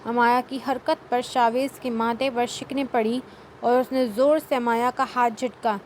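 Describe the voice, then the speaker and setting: Lady reading a novel aloud, slightly high voice, faint hiss in background. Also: low-quality recording. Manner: steady storytelling. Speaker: audiobook narrator.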